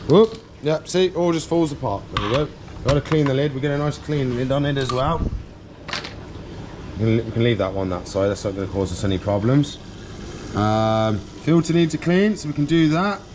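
With a medium-pitched, animated voice at a moderate pace, a man in his thirties informally explains his activities in an unscripted pet shop vlog. He's in an indoor aquarium shop with background noise around him.

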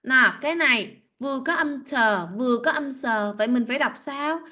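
A woman's voice: sits high, animated, normal speed, pushed and bright, highs cut off. A woman teaching an online English class to children, patiently drilling words and correcting their pronunciation. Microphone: video call.

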